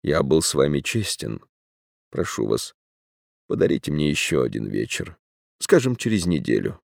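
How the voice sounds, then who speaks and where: A man reading an audiobook plays a frank, wistful man of about forty-two who speaks earnestly and gravely. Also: rumbling low, sing-song, normal speed, a little mellow, no echo, studio quality, full character voice. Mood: quiet. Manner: earnest, grave, sentimental confession.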